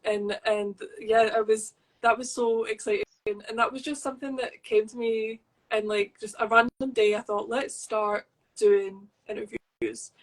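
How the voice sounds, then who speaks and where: This woman, heard on a rough recording, talks a little slowly in a fairly high, steady voice. She's a guest on a podcast and hosts a different show herself, keeping the conversation casual and self-mocking.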